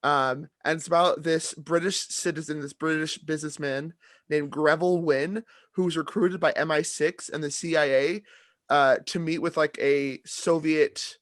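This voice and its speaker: A young man co-hosts a casual movie podcast, his voice sitting a little high. He talks loosely with lots of "like"s. The recording is close and dry. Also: normal speed, dry recording. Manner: relaxed, filler-heavy, lots of "like". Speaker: podcast co-host. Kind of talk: casual chat.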